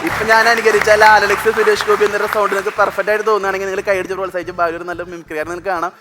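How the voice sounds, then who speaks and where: Fast-talking young man. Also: high-pitched, crowd noise, noisy background. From Thrissur, Kerala. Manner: rapid, animated storytelling with mimicked voices. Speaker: stand-up comedian. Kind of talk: stand-up comedy routine on stage. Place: TV studio stage. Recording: stage mic with music and audience. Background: music and a live audience.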